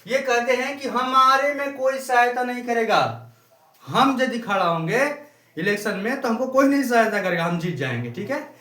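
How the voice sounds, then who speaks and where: A man's voice: very high-pitched, lively intonation, pushed and bright. A male teacher giving a classroom grammar lesson, repeating and drawing out words one by one as if dictating. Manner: repetitive, drawn-out word-by-word dictation. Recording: echoey room.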